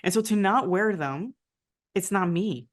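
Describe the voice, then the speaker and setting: With a mid-range voice and an unhurried pace, a Nicaraguan American woman who once worked as a diplomat tells her story in a conversational interview. She's from the United States, her family is from Nicaragua, and she often ends remarks with "right?"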